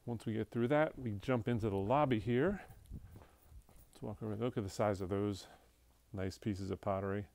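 An auction house staffer gives a preview walkthrough of a large indoor showroom full of furniture, offhandedly listing pieces and lots as he walks. His voice is on the low side and darkish, at a moderate pace. He stays off screen, filmed on a handheld phone camera.

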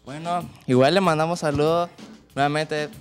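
A man's voice: on the high side, steady tone, normal speed, faint music behind. A Nicaraguan man, a musician guest on a studio show, speaking earnestly and gratefully. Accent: Nicaraguan Spanish. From Managua, Nicaragua. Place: TV studio set.

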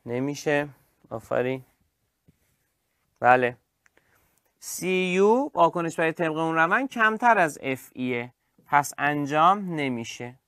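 A man teaching an online chemistry class, lively and praising his students by name. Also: fairly high pitch, long pauses, no echo, studio quality.

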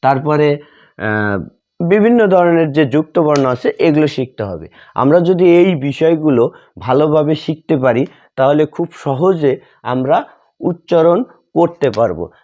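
A man teaching a lesson, slowly spelling out letters and sounds one by one. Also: fairly high pitch, lively intonation, a little mellow. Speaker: English teacher. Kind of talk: classroom lesson. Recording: dull lo-fi sound.

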